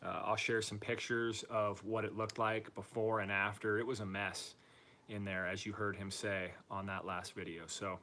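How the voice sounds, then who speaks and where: A man talking informally and upbeat in a casual video diary, using relaxed slang as he gives a personal recovery update. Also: on the low side, normal speed, slight background noise. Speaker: patient giving a recovery update.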